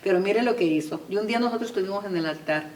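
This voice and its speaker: A woman preaching a sermon with passion, swelling to loud emphatic peaks and slipping English phrases into her talk. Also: medium pitch, rapid-fire. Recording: echoey room, voice from far off.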